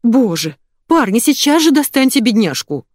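A woman voicing a timid wife who pleads gently with her husband. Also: a little high, very animated, normal speed, no room sound, pitched above the performer's own voice. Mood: pleading.

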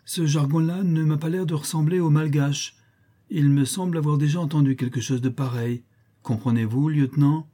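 Cheeky, blustering young sailor, put on by a male audiobook reader; husky, lifted voice. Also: fairly high pitch, fairly even intonation, moderate pace, warm tone, pitched above the performer's own voice, close to an everyday voice. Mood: surprised. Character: brash cheeky young French sailor man.

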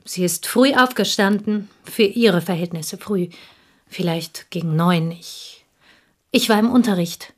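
In a German radio drama, an actress with a lowish female voice plays a reserved village schoolteacher who serves as a confidante. Her delivery is restrained, measured and matter-of-fact, with a guarded mood.

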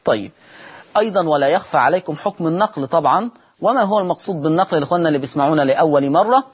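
Speaking with an Egyptian Arabic accent, this man's voice is a little high, expressive, and slightly rough. He teaches Quran recitation on a televised lesson, answering the questions he poses aloud and drawing out the example words in a slow chant.

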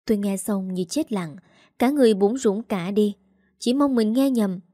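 Female storyteller, mellow tone, dry close mic, sorrowful measured delivery. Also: mid-range voice, no echo. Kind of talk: scripted first-person narration.

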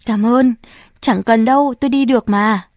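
A woman's voice: a little high, moderate pace, a little mellow, dry recording, studio quality, natural voice. Woman doing a shaken injured factory girl. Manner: shaky, pleading.

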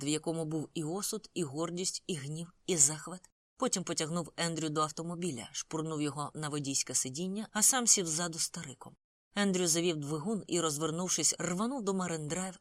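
An audiobook reader telling a first-person story. The delivery is even and steady, in a middle pitch. The recording is close and dry. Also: no echo. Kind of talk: first-person novel narration.

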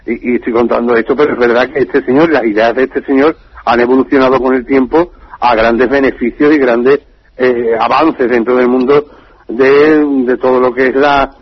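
A radio contributor with a husky voice tells an odd story, building it with jokes and sudden rises in pitch. The dry, muffled sound comes over a narrow line. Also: male voice, normal speed, no echo. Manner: animated, joking storyteller.

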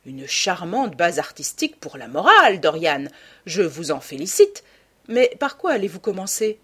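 A woman voicing a worldly, persuasive aristocratic gentleman in an audiobook, with a husky voice. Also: fairly low pitch, sing-song, moderate pace, exaggerated voice. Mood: urbane. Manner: suave, persuasive, lecturing. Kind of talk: audiobook character reading.

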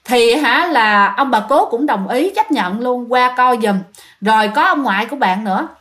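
High-voiced Southern Vietnamese woman storyteller. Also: expressive, normal speed, fairly bright tone. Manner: chatty, addressing listeners directly. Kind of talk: ghost story narration.

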